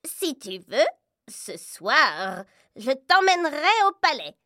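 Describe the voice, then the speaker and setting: A woman doing a loud squawky storybook crow. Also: high voice, very animated, slow, no echo, studio quality, voice pushed up, full character voice. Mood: excited. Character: cawing talkative crow, loud and chirpy.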